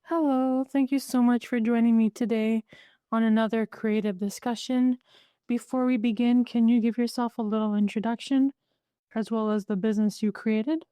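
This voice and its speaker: Smooth-voiced woman hosting an interview. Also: fairly high pitch, fairly even intonation, dark tone, no room sound, clean studio sound. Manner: measured, polite, welcoming. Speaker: podcast host. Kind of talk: scripted intro and interview questions.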